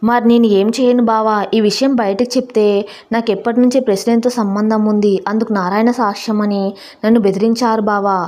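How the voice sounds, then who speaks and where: A woman's voice: fairly high pitch, flat delivery, a little fast, darkish tone, close to an everyday voice. A woman voicing a wronged young village wife who pleads tearfully. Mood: desperate.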